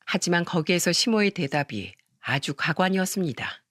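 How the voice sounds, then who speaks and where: A woman reading a scripted first-person story in an even storytelling manner. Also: lowish voice, normal speed, no echo, clean studio sound. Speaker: story narrator.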